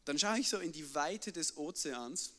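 Young man, high bright voice, lively stage storyteller, hall reverb. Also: normal speed. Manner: animated, tags sentences with a questioning "oder?". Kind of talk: live personal storytelling to an audience.

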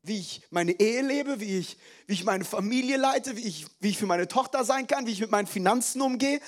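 Briskly preaching, this young pastor has a high, bright-sounding voice and a playful, lively style that slips English phrases into the sermon. His delivery alternates between forceful, energetic points and softer personal stories.

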